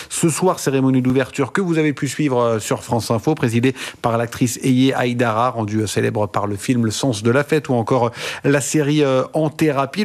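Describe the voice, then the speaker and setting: Man, radio host, measured delivery, introduces guests, mid pitch. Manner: measured, reads introductions with hesitations. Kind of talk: news show moderation.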